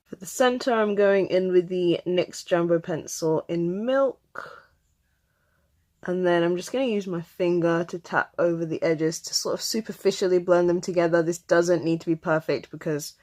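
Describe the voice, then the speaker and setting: A woman vlogger chats her way through a step-by-step makeup tutorial, her voice on the low side and at times dropping to a soft murmur as she concentrates.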